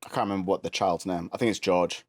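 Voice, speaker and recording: Laid-back man, low voice. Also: steady tone, fast talker. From United Kingdom. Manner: laid-back, rambling, swears casually. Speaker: guest. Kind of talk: casual chat.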